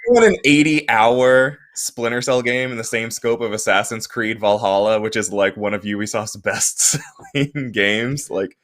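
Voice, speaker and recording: A man's voice: on the low side, unhurried, hardly any pauses, fairly bright tone. A man in a casual gaming panel chat, skeptical and arguing his point.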